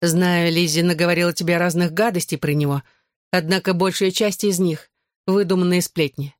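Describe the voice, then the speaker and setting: A woman's voice: fairly low pitch, steady tone, moderate pace, no room sound, clean studio sound, close to an everyday voice. A woman voicing a playful, teasing teenage girl who coaxes her best friend in an audiobook. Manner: teasing, coaxing.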